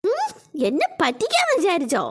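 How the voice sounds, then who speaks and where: A woman voicing a menacing male kidnapper in a cartoon, snarling threats with sudden loud jumps. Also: very high voice, wildly swooping pitch, brisk, full character voice. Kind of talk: cartoon voice acting.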